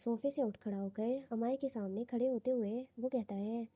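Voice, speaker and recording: Woman reading a romance audiobook, husky and very mellow, dry close sound. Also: a little high, no echo. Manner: steady storytelling read. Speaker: audiobook narrator. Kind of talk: scripted narration.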